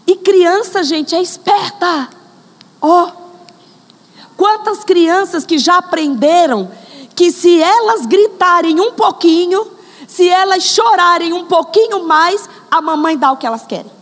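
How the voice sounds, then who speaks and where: A woman's voice: very high-pitched, expressive, unhurried, big-room sound. A woman preaching a sermon, speaking straight to the congregation and acting out examples. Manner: addresses the congregation directly, acts out examples.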